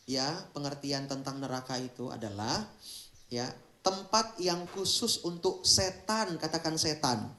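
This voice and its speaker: A pastor preaches in a fairly high voice, full of jokes, sudden shouts and quiet asides. His words ring through a roomy church hall with plenty of echo. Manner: animated, humorous, switches between shouting and hushed asides. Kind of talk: lively Pentecostal sermon.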